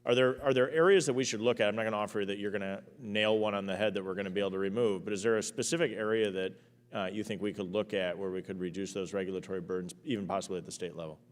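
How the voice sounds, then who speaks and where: Guy questioning witnesses at a hearing, talks quick, keeps restarting, long echo. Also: on the low side, steady tone. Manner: halting, repeats starting words. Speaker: ranking committee member. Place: hearing room.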